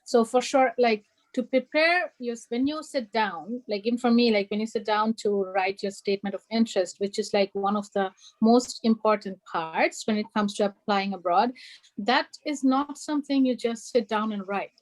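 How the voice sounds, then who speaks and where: Earnest young woman, higher voice. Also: moderate pace, rough recording. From Bangladesh, raised in Germany. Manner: earnest, emphatic, many fillers like "you know" and "like". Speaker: alumna speaker on a panel. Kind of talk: online panel talk.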